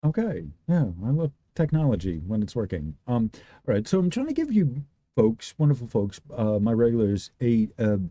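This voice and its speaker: Rambling man with dark booming voice. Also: sing-song, normal speed, no echo, dull audio. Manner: rambling, restarts often, thinks aloud. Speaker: livestream host. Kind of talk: unscripted explanatory talk.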